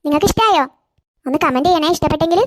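A woman, the channel creator, giving friendly outro shout-outs. She sounds chatty and encouraging, with a high voice. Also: very fast, no echo.

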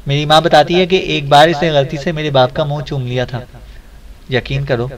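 A man doing a deadpan, teasing agent. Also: a little high, normal speed, a crowd in the background, close to an everyday voice.

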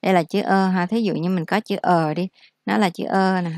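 A woman gives a casual vocabulary lesson in a lowish voice. She speaks slowly and repeats each word so learners can follow. The sound is dry and close. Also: fairly even intonation, darkish tone, no echo. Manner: explains slowly, repeats words for practice. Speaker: English teacher.

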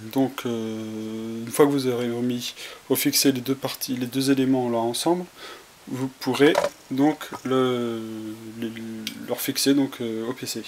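A man's voice: medium pitch, level tone, a little slow, a little mellow. Hesitant man demoing a repair. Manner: hesitant, many fillers and restarts while working with his hands. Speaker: tutorial presenter. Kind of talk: casual how-to demonstration. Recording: faint hiss, home camera audio.

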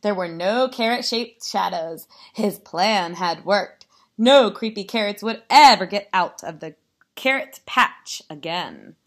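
A woman reading a picture book aloud, telling it dramatically with hushed, spooky drops. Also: mid-range voice, measured pace. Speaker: story reader.

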